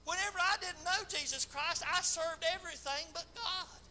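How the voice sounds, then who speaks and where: Bright, high-pitched preacher shouting. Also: male voice, moderate pace, a little hiss or hum, low-quality recording. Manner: fiery, breaks into shouting, stumbles over words. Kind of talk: sermon.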